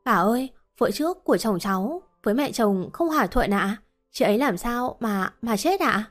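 A woman voicing a meek, polite young pregnant wife who asks gentle questions, over faint music. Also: a little high, expressive, moderate pace. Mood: pleading.

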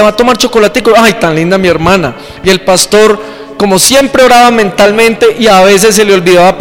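High-voiced man preaching. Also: long reverb tail. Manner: animated preaching with acted-out quotes. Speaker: pastor. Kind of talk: sermon.

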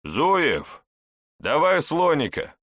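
A sneering, coarse police interrogator with a gruff, slangy, mocking bark, as a male narrator puts him on. He is pitched higher than the reader's own low voice and swings widely in tone. It is a dry, close audiobook recording. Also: huge pitch swings, drawn-out words, a bit bright, dry recording, exaggerated voice. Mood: scornful.

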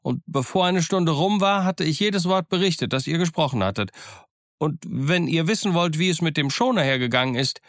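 A man voicing a defiant, excited young cabin boy in an audiobook, speaking in a fervent, declamatory way. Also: mid-range voice, moderate pace, few pauses, no room sound, natural voice. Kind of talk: audiobook character voice. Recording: dry close studio sound.

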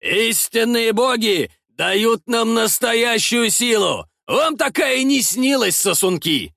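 Man putting on a gang of loud, brutish mustached zealots, bellowing threats in a high, strained, swinging voice. The sound is close and dry, with nothing behind it. They are rough, scornful bullies in an audiobook fight scene. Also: animated, measured pace, no room sound, heavily acted. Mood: yelling threats. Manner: yelling, threatening, mocking. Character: brutish shouting mustached male zealot thugs. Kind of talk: audiobook character voice.

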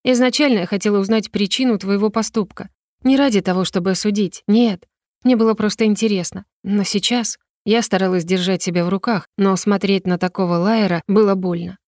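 A woman narrates a storybook in the first person, her reading emotional and rising in pitch on the heroine's words. Her voice sits at a middle pitch. The recording is close and dry. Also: brisk, darkish tone, no room sound. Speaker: audiobook narrator.

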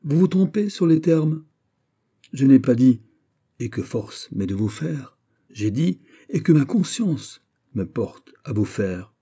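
A man voicing a calm, commanding older musketeer with a mocking, emphatic manner, in a storybook reading. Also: a little high, measured pace, long pauses, voice pushed up. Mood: correcting.

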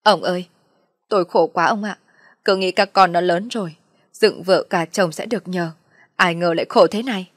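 A woman's voice: medium pitch, fast talker, breathy edge, no room sound, studio quality, close to an everyday voice. A woman voicing a self-pitying, theatrical farm woman near sixty who complains tearfully. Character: wailing self-pitying old farm woman, mother-in-law.

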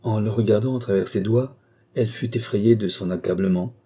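Man, audiobook narration, measured, husky voice. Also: fairly low pitch. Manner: measured, even literary reading. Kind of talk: scripted narration.

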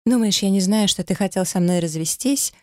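A man's voice: normal speed, gravelly, no echo, clean studio sound. A man voicing a young deceitful wife who pleads, sobs and shrieks in a raised voice, in an audiobook reading. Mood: shrieking. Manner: pleading, sobbing, shrill.

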